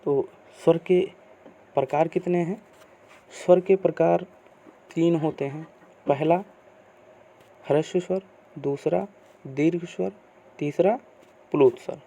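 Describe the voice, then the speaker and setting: A man teaching a grammar lesson, asking questions and answering them himself in slow, repeated teacherly phrasing. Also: fairly high pitch, fairly even intonation, vocal fry, mellow.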